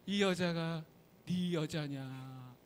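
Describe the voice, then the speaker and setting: A man voicing an old male mountain spirit in a folk tale, speaking in a slow, drawn-out, stately way. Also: on the high side. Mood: solemn.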